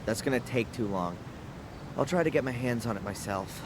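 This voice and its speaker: A man's voice: mid-range voice, normal speed, noisy background, close to an everyday voice. A man voicing a sullen, sceptical suspect who is a video game's protagonist, dry and sardonic. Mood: determined, sullen. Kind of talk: video game voice acting.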